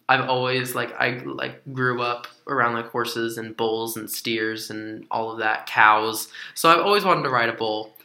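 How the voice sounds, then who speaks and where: A young man co-hosts a podcast in a relaxed, unscripted chat. His voice carries a gravelly fry under a bright tone, and he rambles along with many fillers. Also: medium pitch. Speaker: podcast co-host. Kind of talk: casual chat.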